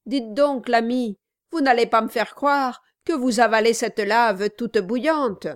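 A woman's voice: high-pitched, slow pace, no room sound, studio quality, pitched above the performer's own voice. A woman doing a hearty, exclaiming young man.

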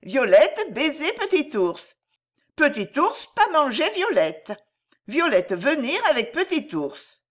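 A woman's voice: high voice, big pitch swings, slow, pitched above the performer's own voice, heavily acted. A woman voicing a frightened little girl lost in the woods, who talks in childlike broken baby talk. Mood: pleading tender.

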